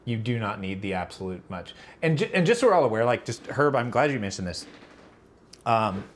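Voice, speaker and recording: Brisk and fairly low-pitched, a man swings his pitch widely while hosting a casual livestream Q&A for his chat. His answers ramble with fillers and restarts as he corrects himself, and his allergies leave him on the edge of a sneeze.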